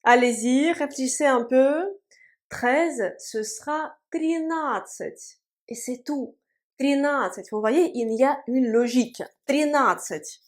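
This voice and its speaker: A woman teaching a language video lesson, patiently repeating each word and drilling pronunciation at a board. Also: sits high. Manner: patient, drills words slowly and repeats them. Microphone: writing on a board.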